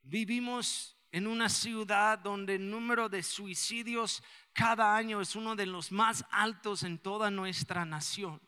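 A pastor from the United States, preaching a sermon and rising to shouts for emphasis. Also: male voice, high voice, steady tone, measured pace, smooth. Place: church. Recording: long church hall reverb.

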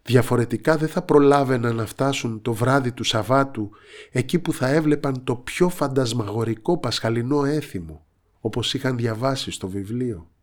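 A man narrating a children's storybook with expressive delivery. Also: mid-range voice. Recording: narration over soft instrumental music.

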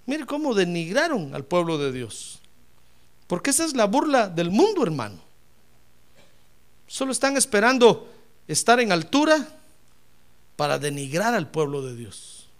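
A man's voice: high-pitched, very animated, measured pace, long pauses. A man preaching a sermon, speaking emphatically and often calling his listener brother.

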